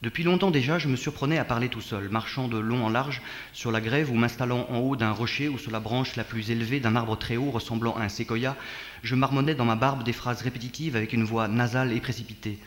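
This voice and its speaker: A man's voice: mid-range voice, steady tone, a little fast. Man declaiming poetry in a reverberant hall. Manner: rhythmic, repetitive declamation with sudden shifts in loudness. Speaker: poet reading his own text. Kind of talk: performed poetry reading. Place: poetry centre reading room. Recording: long hall reverb from a live reading.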